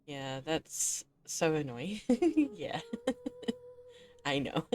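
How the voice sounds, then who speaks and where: A VTuber streams a game while chatting casually with her viewers, sounding sleepy and yawning. Her low voice moves very slowly, and she stays relaxed and chatty, laughing often.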